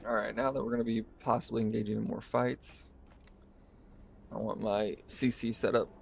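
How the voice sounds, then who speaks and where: Male streamer, gravelly mid-pitched voice, easygoing live gameplay commentary, faint hiss on the line. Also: normal speed. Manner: relaxed, talks through each move while playing.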